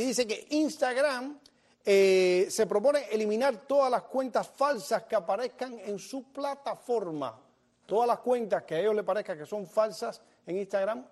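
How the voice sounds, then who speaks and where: A man hosting a TV comedy show, telling jokes and acting out the dialogue in his stories. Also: high-pitched. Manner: animated storyteller acting out dialogue. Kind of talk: comic monologue to the camera.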